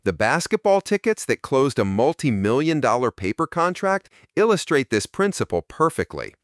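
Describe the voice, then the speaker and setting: A man reading a scripted explanation in an even, explanatory delivery. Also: mid-range voice, moderate pace, dry recording, studio quality. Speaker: narrator. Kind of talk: scripted narration.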